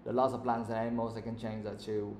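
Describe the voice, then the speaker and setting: Thầy giáo giọng việt dạy tiếng anh trên lớp, hỏi bài học sinh liên tục, phòng vang vang hơi ồn. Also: male voice, on the low side, level tone, brisk. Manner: quizzing students, switching between English and Vietnamese. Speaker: English teacher. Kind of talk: live classroom lesson. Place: classroom. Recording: echoey room with faint background noise.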